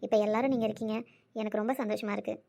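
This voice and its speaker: A woman voicing a quiet, guilt-ridden young wife who speaks in a low, sorrowful way. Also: fairly even intonation, rapid-fire, creaky, close to an everyday voice.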